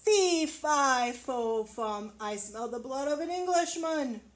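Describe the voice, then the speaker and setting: A woman's voice: sits high, lively intonation, slow, voice pushed up. Woman putting on a bellowing, menacing storybook giant. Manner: bellowing, chanting. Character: huge bellowing male giant, hungry and menacing.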